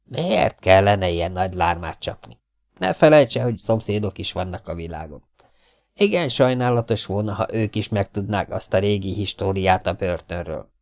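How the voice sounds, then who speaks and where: A man doing a scheming male blackmailer in an audiobook reading. The voice is deep and smooth, and every word carries a veiled threat. He coaxes his victim calmly and menacingly. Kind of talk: audiobook character voice.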